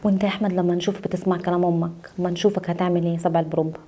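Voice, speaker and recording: A woman's voice: on the low side, level tone, rapid-fire, warm tone, natural voice. A woman with an Egyptian accent playing a vengeful young wife muttering bitter threats. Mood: spiteful. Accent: Egyptian Arabic. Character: spiteful young wife, sharp-tongued and vengeful.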